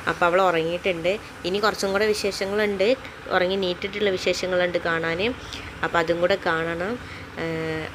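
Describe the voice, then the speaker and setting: Chatty young mother vlogging, noisy phone audio. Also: fairly low pitch. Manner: chatty, easygoing, talks to viewers as children. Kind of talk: casual vlog narration.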